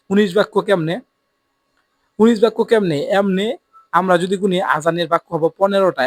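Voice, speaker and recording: A man's voice: sits high, a bit bright, no room sound. A man, giving an earnest religious lesson and repeating his points for emphasis. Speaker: Islamic preacher. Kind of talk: religious teaching talk to camera.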